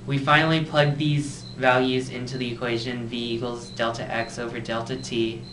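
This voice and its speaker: A male physics explainer delivers scripted educational narration in a mid-range voice with little pitch movement, at normal speed. The amateur recording is roomy and distant, with echo and faint background noise.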